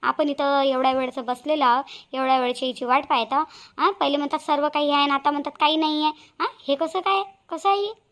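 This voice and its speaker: A woman voicing a loud, quarrelsome middle-aged village auntie in a cartoon, firing off demanding questions. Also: steady tone. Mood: exasperated. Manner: demanding, shrill, rapid-fire questions. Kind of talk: cartoon voice acting.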